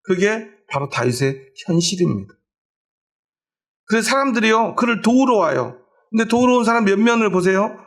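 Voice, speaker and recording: High-voiced, gravelly Korean pastor preaching. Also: male voice, animated, normal speed, a bit bright. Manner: asks the congregation questions and answers them himself; tells homely everyday stories to make his point. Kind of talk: sermon. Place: church.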